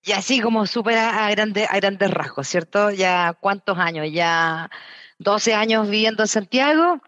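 A chatty woman with a Chilean accent, talking quickly and casually about her work as an interview guest. Her voice comes through a slightly dull, muffled recording with no room echo at all. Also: medium pitch, a bit bright. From southern Chile. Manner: chatty, quick, frequent eh fillers. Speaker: engineering director guest.

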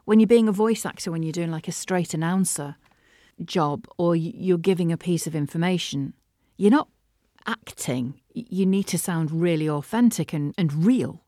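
A middle-aged woman from Manchester, England, with a Mancunian accent, hosts a casual solo podcast from her home studio. She's a podcast host and voiceover artist, chatty and animated, laughing often, with a lowish voice at a moderate pace. The recording is dry.

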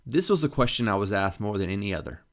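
Low-voiced guy reading a novel aloud, first person, measured and even. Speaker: audiobook narrator. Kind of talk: first-person scripted narration.

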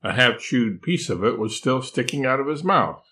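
An older man reading a children's storybook chapter aloud as its narrator, unhurried and expressive. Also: medium pitch. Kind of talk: scripted narration.

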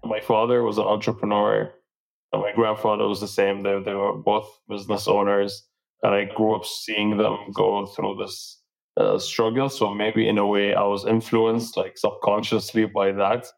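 A man's voice: fairly low pitch, normal speed, gravelly, soft background music, low-quality recording. A young man from Dubai, a startup founder, casually telling his story in an interview, loose and full of fillers. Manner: relaxed, with many fillers like "like" and "you know".

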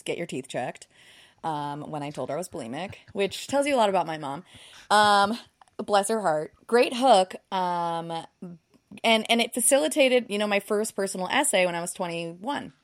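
Chatty woman, slightly low voice. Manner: candid and self-deprecating, many ums and likes. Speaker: podcast guest. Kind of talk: casual conversation.

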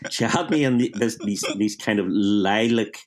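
A Belfast writer in his fifties, from Northern Ireland, tells wry, self-mocking childhood stories in a casual interview, often restarting his sentences. His voice is lowish and his pace moderate.

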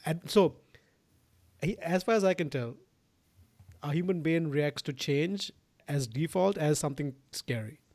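Guy from sri lanka chatting on a podcast, kinda high voice, lots of like and restarts, dry sound. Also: expressive, unhurried, pauses often, a little mellow, dry recording. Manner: rambling, many restarts and filler words. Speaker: podcast host. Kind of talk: casual conversation.

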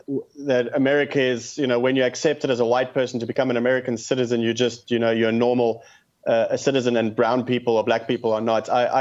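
A man with a South African accent talks earnestly and with real passion while guesting on a phone-in show. His voice sits in the mid range and is a little mellow, and the call sounds muffled and lo-fi.

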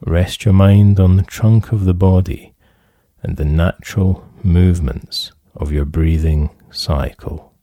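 A therapist with a low voice leads a guided relaxation, calm and soothing, giving measured instructions with pauses. There is no echo.

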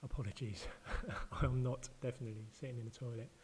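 A man's voice: medium pitch, brisk, a little mellow, slight background noise. A man hosting a podcast in a chatty, hesitant, self-deprecating way, in an open marble-floored room that echoes like a bathroom. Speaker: podcast host. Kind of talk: informal podcast talk.

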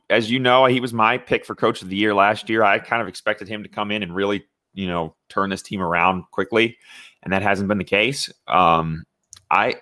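A man's voice: deep voice, pushed and bright, no echo. A young man from Indiana, co-hosting a sports podcast in a loose, conversational way with lots of fillers and restarts. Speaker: podcast co-host. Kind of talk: casual sports talk.

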